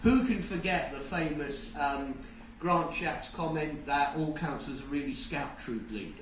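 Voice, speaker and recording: A man giving a rushed live lightning talk with wry asides, stumbling and repeating words as he goes. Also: a little high. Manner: halting, with stammered word repeats. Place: indoor event room with an audience. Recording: echoey noisy room, distant mic.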